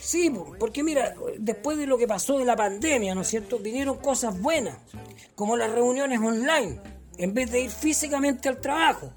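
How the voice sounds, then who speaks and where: A man's voice: very high-pitched, expressive, normal speed, soft background music. A man playing a cheeky, rambling male vagabond who tells jokes with a Chilean accent. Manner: rambling storyteller full of fillers and punchlines. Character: cheeky joke-telling male vagabond, middle-aged.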